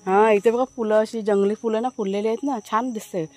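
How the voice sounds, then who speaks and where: A woman's voice: fairly high pitch, steady tone, fairly quick, warm tone, faint music behind. Chatty woman vlogging outdoors. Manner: chatty, addresses viewers directly, many fillers. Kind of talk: casual village vlog narration. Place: outdoors in a village garden.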